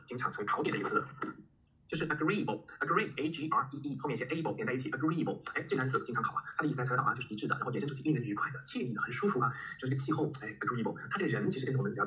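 Guy teaching vocab super fast, really bright sharp voice, jokey, spells stuff out. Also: medium pitch, poor audio. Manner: animated, joking, spells words letter by letter. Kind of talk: recorded lecture.

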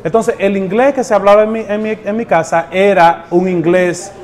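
A man's voice: high voice, steady tone, moderate pace, a little mellow. A man with a Dominican accent, born in the United States, talking easily in an interview and often repeating words. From born in the United States to Dominican parents. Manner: easygoing, repeats words, mixes in English phrases. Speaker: guest. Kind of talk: casual interview talk.

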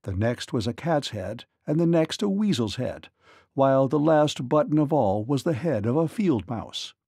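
A man narrating a children's read-along storybook in an expressive, lilting manner. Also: mid-range voice, normal speed, slightly rough, dry recording, clean studio sound.

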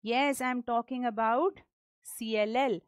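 A woman's voice: on the high side, fairly even intonation, a little slow, no echo, studio quality. A woman in her thirties with a North Indian accent, lecturing emphatically on exam questions, repeating key points and asking questions that she answers herself. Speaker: pathology teacher. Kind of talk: exam question lecture mixing English and Hindi.

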